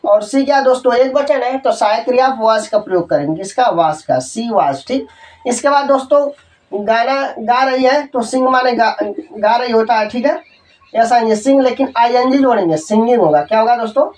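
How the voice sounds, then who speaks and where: A man teaching an English grammar lesson, dictating example sentences slowly, spelling words letter by letter and checking that students follow. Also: very high-pitched, a little mellow, far from the mic, poor audio. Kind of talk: Hindi-medium grammar lesson.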